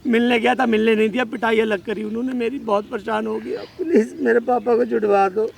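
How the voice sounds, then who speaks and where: A man's voice: extremely high pitch, fairly even intonation, brisk, gravelly, slight background noise, full character voice. A man acting in an amateur skit as a desperate young man who pleads, then threatens, to get his jailed father freed. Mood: pleading. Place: outdoor park.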